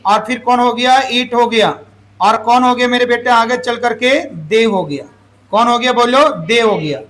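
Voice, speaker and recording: A man's voice: very high-pitched, a little slow, a bit bright. A man teaching an English grammar lesson, firing questions at the class and having them repeat the answers. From Jharkhand, India.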